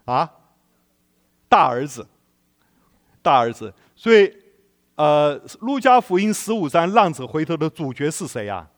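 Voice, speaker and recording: Guy preaching a sermon, voice bounces up and down a lot, slightly higher pitch, asks the crowd questions. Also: a little slow, long pauses. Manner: animated storytelling with rhetorical questions to the congregation.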